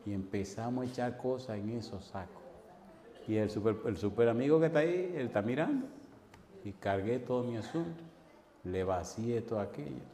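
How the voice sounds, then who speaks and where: A man's voice: mid-range voice, expressive, normal speed, dark tone. A male pastor preaching a sermon, telling a dramatic personal story and speaking directly to his congregation. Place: church hall. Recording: reverberant church hall with faint ambience.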